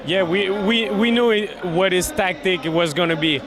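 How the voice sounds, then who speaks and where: A native French speaker from Quebec, Canada, gives a post-fight interview as an MMA fighter, speaking English casually and confidently with a Québécois accent. His voice sits high at a normal speed, with clear urban ambient noise in the background.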